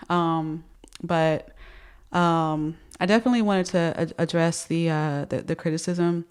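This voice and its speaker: This is a woman in her thirties with a low-pitched, darkish voice, chatting casually about music. Dental retainers slightly affect her speech, and she hesitates and repeats words while she thinks.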